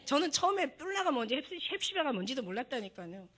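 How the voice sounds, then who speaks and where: A woman's voice: high-pitched, big pitch swings, fast, fairly bright tone. A middle-aged woman pastor preaching a sermon with emotion, acting out prayers and God's words as she goes.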